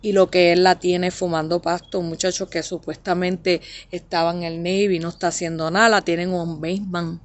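A woman's voice: on the low side, little pitch movement, moderate pace, few pauses. Middle-aged puerto rican woman, boricua accent, talks emphatic, tosses in english words. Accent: Puerto Rican Spanish. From Puerto Rico. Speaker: interviewee telling a family story. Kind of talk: emotional personal account.

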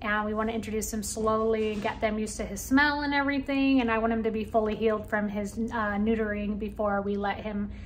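A woman's voice: medium pitch, little pitch movement, a little fast, few pauses, slight background noise. A woman in her thirties chatting casually as a family vlogger, with a slight lisp from wearing a retainer. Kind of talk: casual vlog chat. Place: parked car, rooms at home. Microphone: phone at arm's length.

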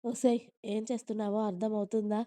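A woman voicing a teasing, bossy young husband who scolds with care, in a gruff tone. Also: mid-range voice, level tone, a little fast, dark tone, dry recording, close to an everyday voice.

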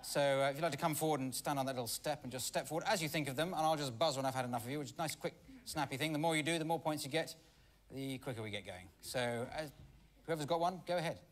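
A man's voice: a little high, quick pace. A man hosting a comedy panel show with dry, giggly, rambling asides. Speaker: game show host.

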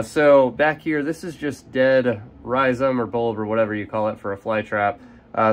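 A young man with medium pitch and a slightly nasal voice from a cold casually explains how he divides and repots plants in a hands-on gardening demonstration. A carnivorous plant grower, he's relaxed and explanatory with fillers, working outdoors in sunlight at a potting table, filmed by an overhead camera with himself off frame.

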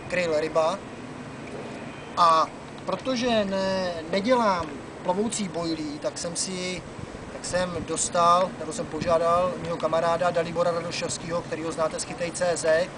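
A man's voice: sits high, fairly even intonation. A man in his thirties from the Czech Republic, chatting casually about fishing on a river dock, with lots of "eh" fillers. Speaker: angler and fishing vlogger. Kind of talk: casual outdoor fishing talk to camera. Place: outdoors on a wooden dock by a wide river. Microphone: camera mic from a few meters away. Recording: distant camera mic with outdoor noise.

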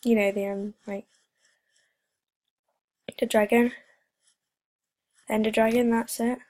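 Slow, flat and darkish in tone, a teenage girl with a fairly high voice hosts a gaming channel. She rambles through relaxed gameplay commentary, leaning on fillers, slipping often into whispers, and sounding slightly congested with a cold. Clicks and noise mark the home recording.

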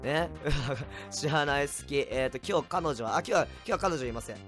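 A man chatting on a casual home livestream, a bit tipsy, reading comments with a rambling, erratic manner and sudden loud outbursts. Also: fairly high pitch, animated, normal speed, soft background music. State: tipsy from drinks. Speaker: livestreamer, band vocalist. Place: at home, indoors. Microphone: cheap desk mic.

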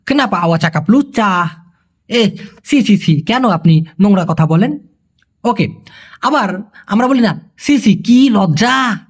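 A man giving a casual spoken language lesson, explaining words one by one and slowly repeating phrases, with chatty asides. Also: high voice. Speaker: language teacher.

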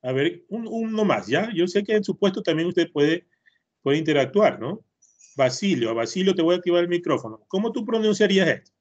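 Ecuadorian guy teaching kids english on a video call, kinda husky voice, muffled lo-fi audio, patient, repeats words a lot. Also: sits high, expressive, fairly quick. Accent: Ecuadorian Spanish. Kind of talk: online class for children. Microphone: computer mic on a video call.

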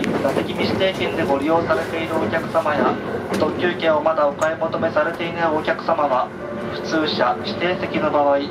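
A train conductor addresses passengers over the onboard PA in a formal, very polite manner, delivering his announcement station by station in a measured way. A handheld camera inside the carriage captures it distantly, so the PA sounds muffled beneath loud train rumble and ambience.

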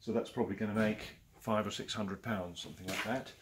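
Talking fast in a fairly low, fairly even voice, this English auctioneer in his forties walks a handheld camera round a large, cluttered saleroom. His casual commentary is chatty and enthusiastic, punctuated by frequent chuckles, and the room is noisy on the moving mic.

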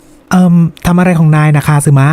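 Man voicing a loud, rude young goddess, pitched up, fast and shrill. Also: fairly even intonation, dry recording, lightly acted. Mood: whiny.

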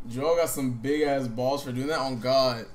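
A man in his twenties with a slightly rough voice, doing brash, slangy, profane gameplay commentary. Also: medium pitch, moderate pace, faint music behind. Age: 20s. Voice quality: slightly rough voice from a day of yelling. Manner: brash, profane, animated hype talk. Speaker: game streamer. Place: bedroom streaming setup.

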